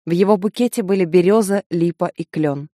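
A woman narrating a dark fantasy audiobook in a vivid, tense storytelling manner. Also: on the low side, a little fast, dry recording, clean studio sound.

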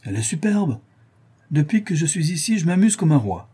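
Man voicing sneering young jailbird, high and husky. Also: sing-song, brisk, mellow, full character voice. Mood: sardonic. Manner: taunting, sing-song and wheedling. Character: sardonic young male criminal, mocking and bullying. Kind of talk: audiobook character voice.

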